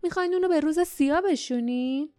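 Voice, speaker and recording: A woman's voice: high voice, smooth, no echo, clean studio sound, lightly acted. A woman voicing a greedy, wheedling male trader who haggles theatrically. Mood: indignant.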